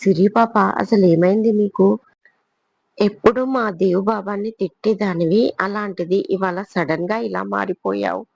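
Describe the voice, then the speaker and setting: A woman's voice: medium pitch, fairly even intonation, normal speed, creaky, darkish tone, husky, no room sound, muffled recording. A woman voicing a doting, nosy older caretaker in a spoken audio story. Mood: fussy. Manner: fussy, questioning.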